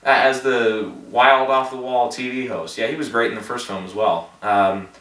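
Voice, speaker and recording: A man's voice: mid-range voice, fairly even intonation, normal speed, a bit bright. Chatty man, tired, roomy and distant. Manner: chatty, self-deprecating, laughs at himself, many fillers. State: tired, late at night. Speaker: box office prediction vlogger. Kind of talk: casual rambling commentary. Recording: roomy echo, distant from the mic.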